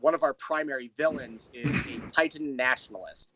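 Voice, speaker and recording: There's a crowd in the background and the audio quality is poor as this man, a writer who makes audio dramas, speaks as a guest in a relaxed interview. At medium pitch and a moderate pace, he explains his creative process thoughtfully, rambling like a storyteller.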